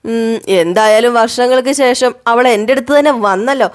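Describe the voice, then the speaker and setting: A woman narrator puts on a cranky old grandmother who scolds and waves off her grandson. Her voice stays fairly high. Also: moderate pace, lightly acted. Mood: irritable. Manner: scolding, impatient. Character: irritable old grandmother, dismissive.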